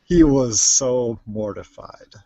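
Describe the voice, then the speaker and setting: A man's voice: medium pitch, slow, vocal fry, mellow, dry recording. A man chatting casually as co-host of a live stream, rambling with lots of restarts and fillers, recorded on a home computer mic. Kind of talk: casual chat.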